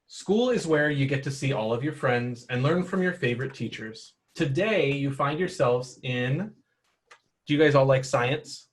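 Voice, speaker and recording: A man's voice: mid-range voice, normal speed. A man running a tabletop role-playing game for children, explaining the rules patiently and encouraging the players. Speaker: game master.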